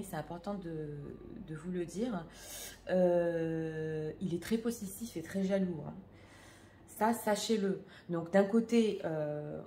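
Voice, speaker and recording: A woman's voice: lowish voice, mellow, reverberant, slight background noise. A French-speaking woman reading tarot cards for her viewers in a casual, hesitant way, full of fillers and restarts. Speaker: tarot reader.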